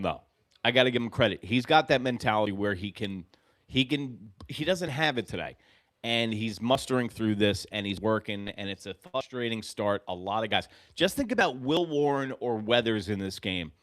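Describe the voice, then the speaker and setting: A man in his forties from New York hosting a live fan reaction stream, calling pitches and drifting into rambling, profane stories, swinging between muttering and shouting. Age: 40s. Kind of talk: live game-reaction commentary.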